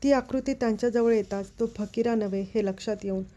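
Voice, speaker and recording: Mellow woman storyteller reading a novel. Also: fairly high pitch, fairly quick. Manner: steady, expressive literary narration. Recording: dull lo-fi recording.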